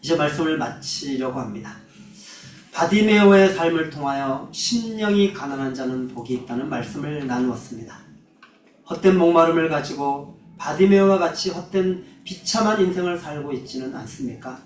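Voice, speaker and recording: High-voiced preacher in an echoing hall. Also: male voice, normal speed, darkish tone. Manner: earnest, personal storytelling then solemn exhortation. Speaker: missionary preacher. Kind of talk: sermon. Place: church hall. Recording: roomy echo, mic at a distance.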